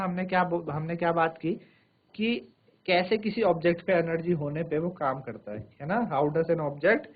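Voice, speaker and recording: A male science teacher, lecturing pupils in a studio classroom, asking them questions again and again and dictating definitions slowly, word by word. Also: fairly high pitch. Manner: repetitive, quizzing questions to pupils. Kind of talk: classroom lecture in Hindi with English terms. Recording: thin phone-like sound.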